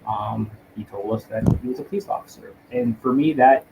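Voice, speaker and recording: A man from Canada, a detective inspector and guest, telling his personal story in a reflective, earnest way with frequent pauses. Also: fairly low pitch, noisy background.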